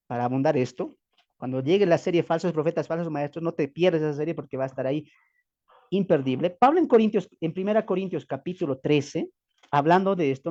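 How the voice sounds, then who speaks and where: Emphatic preacher, dull lo-fi audio. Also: male voice, a little high, dark tone. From Bolivia. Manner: emphatic, full of rhetorical questions; addresses listeners as beloved brothers. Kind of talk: Bible teaching video.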